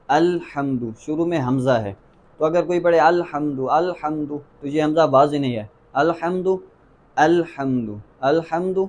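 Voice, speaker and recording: A man's voice: a little high, a little mellow. A man teaching Quran pronunciation, patiently repeating each letter and drawing the sounds out in a half-sung way. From Pakistan. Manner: patient, drills letters by repeating them slowly. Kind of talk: tajweed pronunciation lesson.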